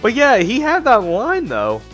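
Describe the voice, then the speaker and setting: A man casting a live online game tournament, with excitable, chatty and rambling play-by-play. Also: very high voice, measured pace, soft background music. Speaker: esports tournament caster.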